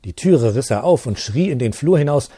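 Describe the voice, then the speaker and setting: A man reading a classic story aloud in a calm, measured way. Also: medium pitch, breathy edge. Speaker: audiobook reader. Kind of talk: literary reading.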